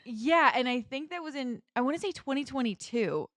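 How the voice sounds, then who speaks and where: A woman's voice: high voice, lively intonation, moderate pace, very noisy. A woman hosting a casual interview in an informal, effusive and giggly way. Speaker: interview host.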